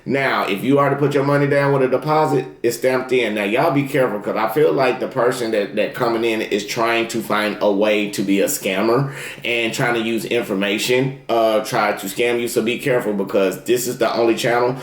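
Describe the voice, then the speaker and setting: A man's voice: mid-range voice, fairly even intonation, a little fast, reverberant. A man talking casually and directly as a tarot reader, repeating affirmations and warnings to his viewers. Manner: repetitive affirmations, folksy and direct. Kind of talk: casual spoken tarot reading.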